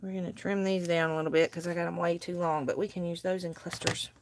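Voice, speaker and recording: Her voice is on the low side and level in tone, and she talks fast against slight background noise. She's a Southern-accented woman hosting a craft livestream, chatting with viewers as she works at an indoor table shot from above.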